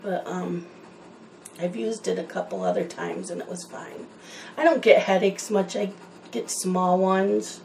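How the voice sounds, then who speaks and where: A woman's voice: fairly low pitch, expressive, measured pace, creaky, darkish tone, slight background noise, poor audio. A woman chatting in a rambling, casual way while she colors, wandering from one topic to the next. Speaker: coloring channel host.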